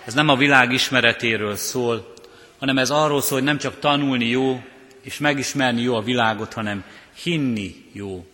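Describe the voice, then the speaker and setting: Male pastor, sermon, steady repeating cadence, bright tone, long church reverb. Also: medium pitch. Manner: measured, repetitive preaching cadence.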